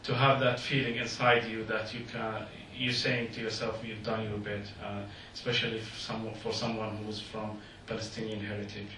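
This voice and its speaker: A lowish, sharp male voice with completely flat delivery addresses a public meeting in an echoey hall. He comes from Jordan and speaks earnestly in halting, non-native English. The mic is distant, with a little hiss or hum.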